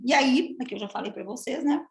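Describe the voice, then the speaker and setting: A woman from Minas Gerais with a Minas Gerais accent, a public speaking coach giving a lively, chatty live talk and addressing the audience often. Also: high-pitched, gravelly, roomy sound. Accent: Minas Gerais Portuguese. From Minas Gerais, Brazil. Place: room with an audience.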